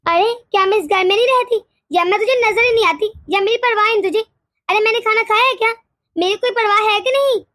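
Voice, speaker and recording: A woman voicing a harsh, scolding older mother-in-law in an animated story, nagging and sharp-tongued. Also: very high-pitched, fast, dry recording, studio quality.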